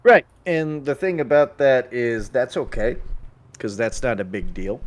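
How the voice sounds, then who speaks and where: Chatting at a measured pace in a mid-range voice, a roleplay server's police lead talks casually during a game. He lays things out with emphasis and says them more than once for clarity.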